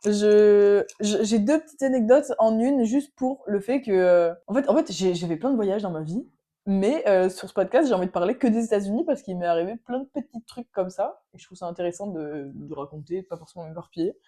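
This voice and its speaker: A young woman from France tells travel stories on a casual podcast and acts out every quote. She talks very fast, with a mellow, warm tone. She often jumps into high, pitched-up voices for other people. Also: expressive. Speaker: podcast co-host. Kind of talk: casual chat, storytelling.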